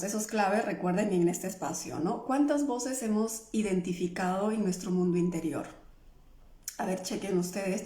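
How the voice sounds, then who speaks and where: A woman's voice: mid-range voice, dark tone. A woman talking live as an emotional healing coach, checking in with her listeners through constant questions. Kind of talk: live stream talk to viewers. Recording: echoey room.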